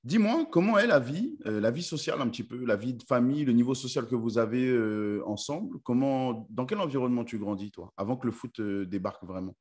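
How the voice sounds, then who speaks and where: A man's voice: mid-range voice, expressive, a little fast, few pauses, a little mellow. Enthusiastic young French man hosting. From France. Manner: friendly, enthusiastic, chatty. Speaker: interview host. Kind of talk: casual video-call interview. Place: bright room at home. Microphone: video call.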